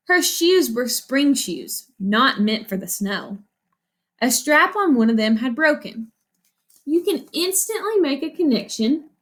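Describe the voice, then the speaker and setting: A woman teacher with a high, slightly bright voice reads a picture book aloud to young children. She explains the story in an instructive way, asking questions and answering each one herself.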